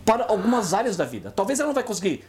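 Um homem apresentando um podcast numa conversa descontraída, que repete palavras e pergunta "você entendeu?" o tempo todo. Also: male voice, high voice, very fast. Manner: animated, repeats words often, checks in with "você entendeu?". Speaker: podcast co-host. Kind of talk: casual chat.

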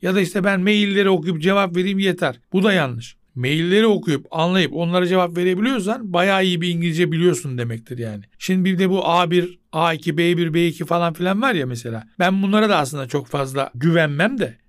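High-voiced man giving casual advice. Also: fast talker, hardly any pauses, no room sound, studio quality. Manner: asks himself rhetorical questions and answers them; repeats key points for emphasis. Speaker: podcast host and translator. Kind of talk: casual advice podcast monologue.

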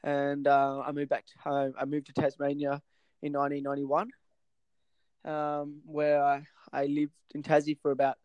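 Halting man with a dry sound. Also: on the high side, completely flat delivery, clean tone, dry recording, highs cut off. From Sri Lanka. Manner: halting, many fillers and restarts. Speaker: podcast guest. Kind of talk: casual interview chat.

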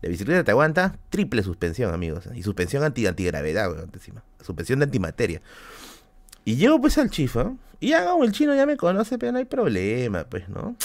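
A man's voice: medium pitch, huge pitch swings, fast talker. A man with a Peruvian accent from Lima, telling a casual anecdote on a live stream, slangy and full of fillers and swearing. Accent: Peruvian Spanish, Lima.

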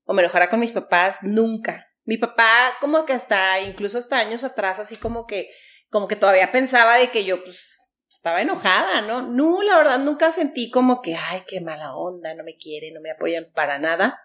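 A woman's voice: a little high, animated, fairly quick, fairly bright tone. A middle-aged woman from Chihuahua, telling stories as an interview guest in a chatty way, full of fillers. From Chihuahua, Mexico. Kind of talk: casual storytelling interview.

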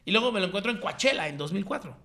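Mexican man, 30s, fast gravelly storyteller, slangy chat. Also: high-pitched. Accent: Mexican Spanish. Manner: slangy, animated, acts out quoted voices. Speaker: guest telling his story.

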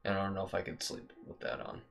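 A man's voice: low-pitched, little pitch movement, fast talker, vocal fry. A man co-hosting a podcast, chatting casually about an album, rambling and trailing off mid-sentence. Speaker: podcast co-host. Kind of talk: casual chat reviewing an album.

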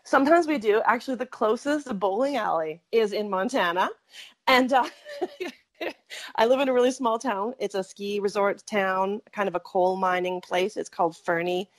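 A middle-aged woman from Saskatchewan, Canada, appears as a podcast guest and tells her story conversationally. She's chatty and rambling, often correcting herself and laughing, in a mid-range voice at normal speed.

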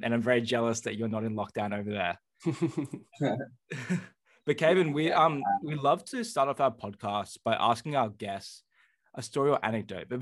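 Chatty male podcast co-host. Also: medium pitch. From Australia. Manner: friendly and chatty, with fillers. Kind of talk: casual interview chat.

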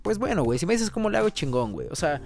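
Young man, Mexican accent, Spanglish, fast, higher-pitched, swearing, casual chat, music behind. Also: big pitch swings, gravelly, darkish tone. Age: young adult. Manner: Spanglish, English phrases mixed into Spanish; crude slangy talk full of swearing.

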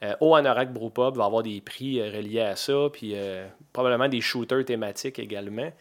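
A Québécois man in his forties hosts a podcast in loose, everyday chat. His voice sits at a middle pitch, and he rambles along with plenty of fillers and restarts. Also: brisk. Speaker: podcast host.

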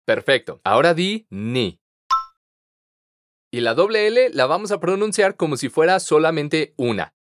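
Lively, encouraging man teaching. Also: fairly high pitch, no room sound, clean studio sound. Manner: patient, encouraging, models words slowly for repetition. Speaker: pronunciation teacher. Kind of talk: podcast language lesson.

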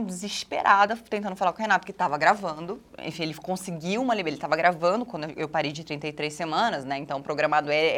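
A Brazilian woman in her thirties on a casual podcast, telling a story quickly with many repeated words. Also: mid-range voice, fairly bright tone. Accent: Brazilian Portuguese. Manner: fast, repetitive storytelling. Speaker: podcast host.

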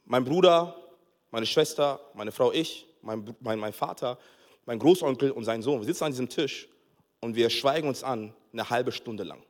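A man preaching a sermon as pastor, telling a funny family story with lively acted-out dialogue and frequent laughter. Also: medium pitch, normal speed. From Togo. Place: church hall. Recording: long hall reverb.

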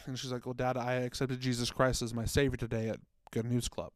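A man's voice: medium pitch, little pitch movement, a little fast. A man speaks in a mid-range voice, earnest and chatty as he retells a story for a faith podcast. The room sounds dry and close, with no echo. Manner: earnest, conversational, retells stories with acted quotes. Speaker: podcast co-host, former children's ministry worker.

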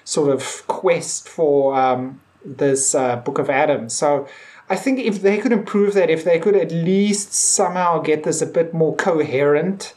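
Speaking unhurriedly in a mid-range, slightly mellow voice, a podcast co-host talks casually in a discussion. The delivery is conversational and leans heavily on the word "like".

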